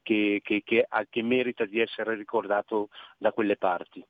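A man's voice: fairly low pitch, little pitch movement, normal speed, no echo. A man from Milan calling in to a radio show over the phone, chatting casually and often stumbling and repeating words as he searches for them. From Milan, Italy. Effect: heard over the phone. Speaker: radio call-in listener. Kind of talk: casual call-in chat. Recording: tinny dry phone line.

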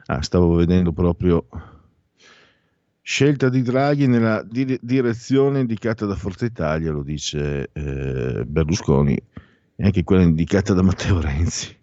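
A man's voice: low-pitched, animated, a little slow, a little mellow, dry recording, muffled recording. An older man hosting a live radio talk show, commenting in a hesitant, rambling way and often correcting himself.

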